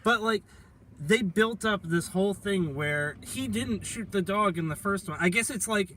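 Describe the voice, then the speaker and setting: A man co-hosting a casual movie podcast, talking in a blunt, expressive way. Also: high-pitched, moderate pace. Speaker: podcast co-host. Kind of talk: casual movie review chat. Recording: faint noise, a bit off-mic.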